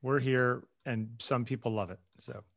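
A man's voice: mid-range voice, steady tone, moderate pace, creaky, a bit bright, dry recording. A man co-hosting a casual conversation, wry and searching, repeating words as he thinks aloud. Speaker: photographer and co-host.

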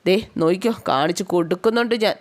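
A woman's voice: fairly low pitch, quick pace, close to an everyday voice. Woman voicing a fierce protective big sister. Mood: indignant. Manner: indignant, scolding.

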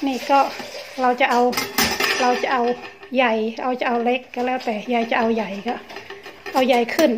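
A woman's voice: sits high, level tone, normal speed, background noise. A middle-aged woman from Thailand chatting playfully and casually as she narrates a home cooking vlog. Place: small home kitchen, indoors.

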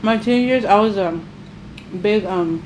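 A middle-aged woman tells stories in a relaxed, plain-spoken way while eating, her words muffled by a mouth full of food. Her voice sits at an ordinary pitch for a woman. A faint background noise runs under the recording. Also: unhurried. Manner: chatty, storytelling, plain-spoken. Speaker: mother and show host. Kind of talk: casual chat while eating.

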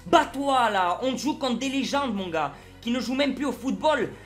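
A man giving excited live commentary on his own football video game match at home, swinging between loud shouts and low muttering. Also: moderate pace, faint music behind. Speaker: gaming YouTuber. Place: at home alone.

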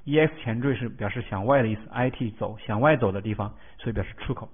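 A man's voice: lowish voice, quick pace, husky. A male English vocabulary teacher in a recorded lesson. He explains word roots step by step, spells out letters and often asks a checking question. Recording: tinny phone-like lo-fi sound.

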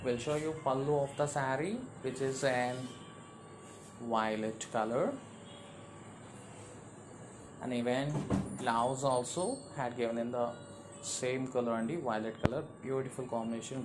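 A man with an Indian accent presents goods in an informal sales showcase. His voice sits at a medium pitch, and his patter is effusive and repetitive. The phone recording carries clearly audible noise behind him. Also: normal speed, long pauses. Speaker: saree seller presenting products.

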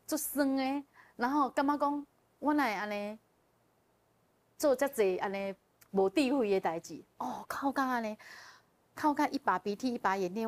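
Woman, talk show guest, lively storytelling, chuckles often, mid-pitched voice. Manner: animated, often laughing, with vivid emotional retelling. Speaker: guest sharing a personal testimony. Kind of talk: casual spoken storytelling.

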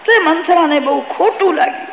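A man's voice: very high voice, a little fast, fairly bright tone, highs cut off, slight background noise. A male devotional storyteller preaching to a live audience, retelling a scripture story with moral asides and acted quotes. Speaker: religious storyteller. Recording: live hall recording, reverberant.

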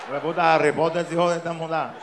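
A man from Colombia with a Caribbean coast accent, telling stand-up jokes and jumping into loud character voices and sound effects. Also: a little high, fairly even intonation, very fast, roomy sound, background noise. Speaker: stand-up comedian.

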